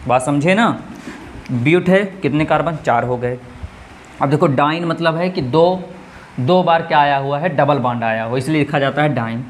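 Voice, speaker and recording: Male chemistry tutor, slightly high voice, asks and answers his own questions, faint noise behind. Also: moderate pace. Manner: asks students questions and answers them himself; counts out steps one by one. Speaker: chemistry teacher. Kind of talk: classroom lesson at a board.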